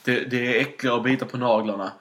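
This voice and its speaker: A man's voice: mid-range voice, steady tone, a bit bright. A man hosting a podcast, chatting casually and laughing as he rambles through stories at a kitchen table. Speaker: podcast host. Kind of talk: casual chat.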